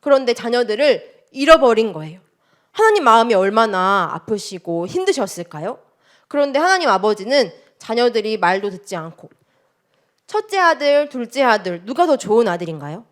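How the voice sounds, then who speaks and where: A woman teaching a children's sermon, telling a story and asking the children many questions in a lively, expressive way. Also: a little high, moderate pace.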